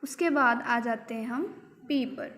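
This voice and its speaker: A woman's voice: a little high, steady tone, unhurried, heavy background noise. A woman teacher giving a phonics lesson to children, spelling words out letter by letter and quizzing the class. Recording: long hall reverb.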